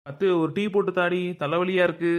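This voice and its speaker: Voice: mid-range voice, steady tone, fairly quick, close to an everyday voice. A performer voicing a patient, henpecked village husband in a cartoon, pleading and placating in a Madurai Tamil accent. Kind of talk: cartoon voice acting.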